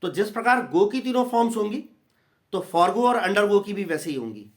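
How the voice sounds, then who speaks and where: A man's voice: high-pitched, lively intonation, a little fast. A man teaching English verb forms in a grammar lesson, repeating each word in rhythmic drills. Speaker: English tutor. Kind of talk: Hindi-language grammar lesson.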